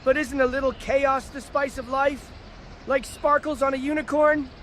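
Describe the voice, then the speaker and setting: Very high-pitched, grandiose eccentric mystic. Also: male voice, fairly even intonation, normal speed, a bit bright, a little hiss or hum. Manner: theatrical, grandly declaiming. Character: whimsical, grandiose eccentric mystic who reveres spirits and prophecy. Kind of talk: scripted fantasy comedy dialogue.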